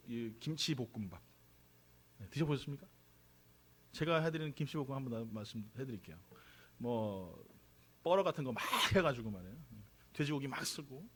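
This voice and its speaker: A man's voice: mid-range voice, a bit bright. A man from Korea preaching a sermon as pastor of his church, chatty and joking, asking the congregation questions. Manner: conversational, jokey, draws responses from congregation. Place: church sanctuary.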